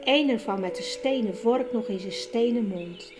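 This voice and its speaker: A woman reading a children's story aloud in a calm, measured and expressive way. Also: fairly high pitch. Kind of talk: audiobook narration for children. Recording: music bed behind the reading.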